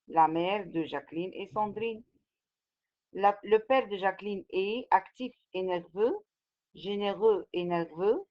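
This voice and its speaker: A woman teaching French with an Egyptian Arabic accent, switching between French and Arabic and adding English glosses as she explains slowly and repeats herself. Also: mid-range voice. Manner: slow, repetitive explaining. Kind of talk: classroom lesson. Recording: slightly dull lo-fi recording.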